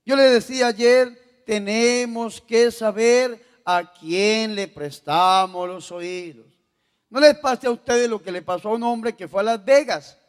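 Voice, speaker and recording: Male priest, high voice, slow unhurried preaching, call-and-response with the faithful, long church reverb. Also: clean tone. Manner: swings from soft to loud exhortation, tells jokes. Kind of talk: sermon.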